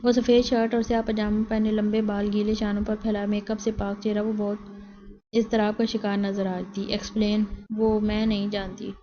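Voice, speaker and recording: A woman narrating a novel in a steady, scripted storytelling manner. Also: mid-range voice, soft background music. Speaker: audiobook narrator. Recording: slightly dull lo-fi recording.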